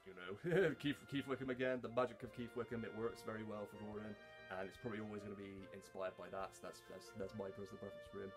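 A man talks casually about his voice acting in a somewhat low voice. He rambles and pokes fun at himself. Faint music plays behind him. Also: fairly even intonation, fast. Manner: chatty, self-deprecating, rambling. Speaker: fan voice actor. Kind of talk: casual explanation to camera.

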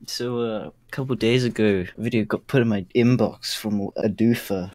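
A man's voice: lowish voice, fairly even intonation, moderate pace, a little mellow. A man presenting his entry to an online talent show, enthusiastic in casual chat. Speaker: contestant.

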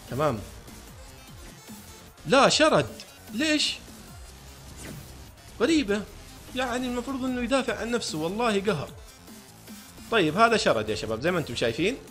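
A man giving excited live commentary on a fighting game, talking to his viewers and taunting his opponent. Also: a little high. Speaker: gaming YouTuber.

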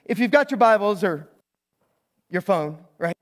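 A man's voice: high voice, animated, measured pace. A man preaching a sermon as a pastor in a church, stopping and restarting phrases and asking the congregation to repeat lines after him. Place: church sanctuary.

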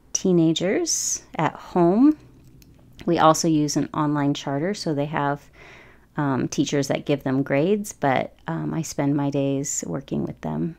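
Low, gravelly-voiced woman narrating her painting. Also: dark tone. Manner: chatty, rambling, frequent ums. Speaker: watercolor artist. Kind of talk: casual voice-over narration while painting.

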